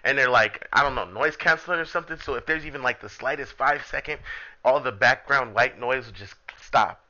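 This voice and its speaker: A man's voice: mid-range voice, a little fast, sharp tone, lo-fi sound. A man hosting a podcast over a remote call, rambling with many fillers. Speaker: podcast host. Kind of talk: casual podcast chat. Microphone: headphones on a remote call.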